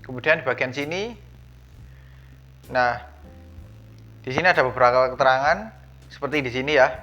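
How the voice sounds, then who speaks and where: An unboxing vlogger talks through a product in a casual, conversational, explanatory way. His voice is medium-pitched and sharp in tone at a moderate pace. The recording sounds dull and lo-fi, with background music playing behind him.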